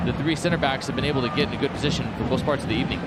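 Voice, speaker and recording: A man's voice: medium pitch, steady tone, very fast, loud music behind the voice, rough recording. A man working as a color commentator, explaining soccer replays in an emphatic way. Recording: loud stadium crowd noise behind. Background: loud stadium crowd.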